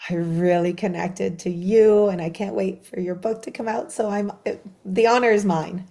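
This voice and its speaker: A middle-aged woman from Quebec City, Canada, whose first language is French, is a guest author telling her story in a bubbly, rambling way with many fillers. Her voice is mellow and medium-pitched, with fairly even intonation at a normal speed.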